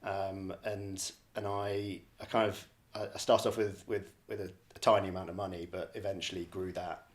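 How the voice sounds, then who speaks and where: A real estate director from the Scottish borders appears as a podcast guest, giving a reflective, casual answer. He's hesitant, often repeating and rephrasing his words. His deep voice stays level at a moderate pace with hardly any pauses.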